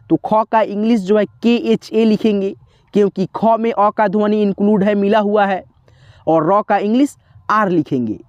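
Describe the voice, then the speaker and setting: A man's voice: high voice, darkish tone, dry recording, lo-fi sound. A male teacher giving a spelling lesson, patiently spelling words out letter by letter and repeating each word.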